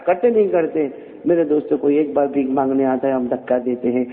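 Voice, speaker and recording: A man's voice: medium pitch, fairly even intonation, brisk. A man giving a sermon, telling stories dramatically and rousing the congregation with call-and-response. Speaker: preacher. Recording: phone-like echoey hall recording.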